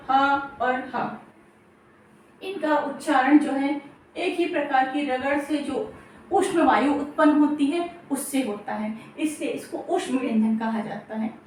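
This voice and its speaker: High-voiced woman teaching in an echoey room. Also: slow pace, darkish tone. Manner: repeats terms, checks with "theek hai". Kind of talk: exam-prep grammar lesson. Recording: very echoey room, distant mic.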